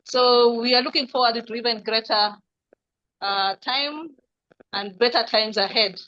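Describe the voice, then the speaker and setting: A woman giving short, encouraging farewell remarks at a reunion, heard through loudspeakers. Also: on the high side, normal speed, dry recording, dull audio.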